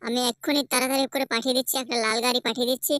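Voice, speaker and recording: A woman's voice: fairly high pitch, steady tone, racing, fairly bright tone, clean tone, no room sound, studio quality, natural voice. A woman voicing a polite, eager showroom owner who defers to a customer.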